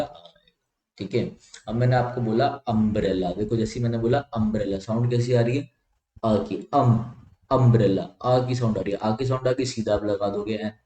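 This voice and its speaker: A man explains grammar to exam students in a warm, relaxed voice that sits at a middling pitch. He repeats each point and sounds out vowels one by one, often stopping to ask whether they follow. The room around him rings with an echo. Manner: repetitive, checks understanding with "theek hai", drills sounds aloud. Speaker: English grammar teacher. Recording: echoey room.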